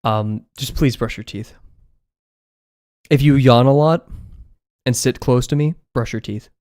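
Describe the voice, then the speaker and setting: Drawing on a live stream from a foam-treated apartment room, a young man talks casually and rambles, making self-deprecating jokes and laughing a lot. His voice sits in the mid range, with a slightly slow pace and a darkish tone.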